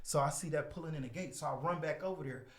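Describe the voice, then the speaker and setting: A man guest on a podcast telling a story in casual chat, animated and acting out the people he quotes. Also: on the high side, quick pace, echoey room. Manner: animated, acts out quoted voices.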